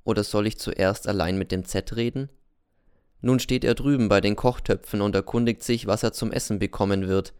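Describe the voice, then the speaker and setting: Smooth-voiced man reading an audiobook. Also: fairly low pitch, steady tone, darkish tone, no echo, clean studio sound. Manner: measured, introspective first-person telling. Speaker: narrator. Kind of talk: scripted audiobook narration.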